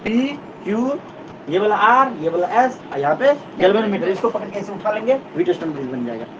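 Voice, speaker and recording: A man's voice: high voice, lively intonation, a little fast. A man teaching physics. He explains step by step, repeats key points and checks that his students follow. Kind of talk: classroom lecture. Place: classroom. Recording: distant, dull, noisy classroom recording.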